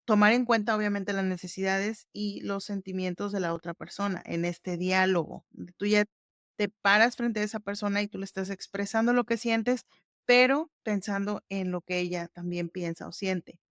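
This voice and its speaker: A woman's voice: medium pitch, fairly even intonation, normal speed, no echo, clean studio sound. A woman hosting a podcast, explaining exercises step by step in a casual, conversational way. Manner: explains step by step, conversational, warm fillers like "ujú". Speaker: podcast host.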